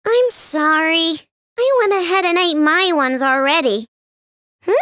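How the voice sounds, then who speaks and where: In bouncy, childlike game voice lines, an actress plays a cheerful, playful young girl inventor with a sweet tooth. Her voice is very high-pitched and a bit bright, delivered at a measured pace, playful and wheedling with gasps and giggles, in a studio-quality recording with no echo.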